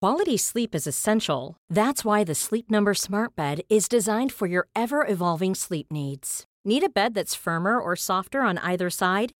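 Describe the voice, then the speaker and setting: Woman announcer, polished and calm, dry studio sound. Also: medium pitch, moderate pace, hardly any pauses, dry recording. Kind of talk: scripted ad read.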